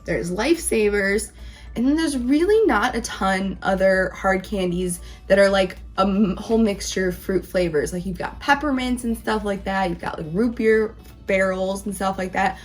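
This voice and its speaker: A woman's voice: mid-range voice, moderate pace, faint music behind. A woman hosting a casual taste-test vlog, talking informally and emphatically in a rambling, conversational way. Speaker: candy reviewer, video host.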